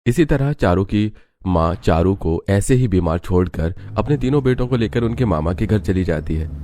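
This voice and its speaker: Male storybook narrator with a lowish voice and steady delivery. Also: moderate pace, a little hiss or hum.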